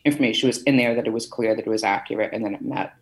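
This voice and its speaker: In rapid-fire delivery and a very deep voice, a middle-aged woman from Massachusetts, USA, chats through her career story during a podcast interview, using many fillers. The recording is low quality.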